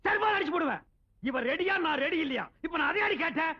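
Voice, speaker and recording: An actor playing a hot-tempered shopkeeper who scolds and shouts insults in a comedy film scene. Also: male voice, extremely high pitch, animated. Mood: exasperated. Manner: loud, scolding, quick to yell insults. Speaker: comic lead in a film scene. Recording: dull lo-fi old film audio.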